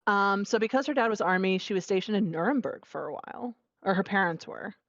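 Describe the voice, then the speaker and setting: A young woman from Virginia in the United States co-hosts a podcast, chatting casually and enthusiastically with plenty of fillers. Her medium-pitched voice is brisk and a bit bright with lively intonation. There's no room sound, though the recording has a dull, lo-fi quality.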